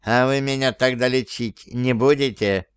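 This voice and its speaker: A man voicing a skittish old male house spirit with a shrill, whiny squeal. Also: fairly even intonation, normal speed, clean tone, no room sound, studio quality, natural voice. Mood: squealing, scared.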